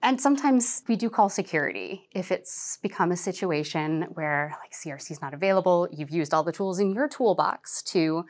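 Woman librarian, interview, calm practical explainer, lowish voice. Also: normal speed, hardly any pauses. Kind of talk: interview answers.

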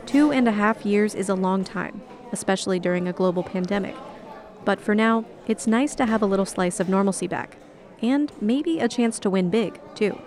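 A woman reporter reading a scripted radio news feature in a narrator's measured storytelling style. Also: medium pitch, a little mellow.

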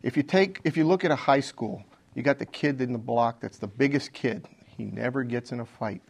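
Middle aged guy running for office, kinda blunt and halting, regular pitched voice. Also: vocal fry, breathy edge. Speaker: congressional candidate. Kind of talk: unscripted debate statement.

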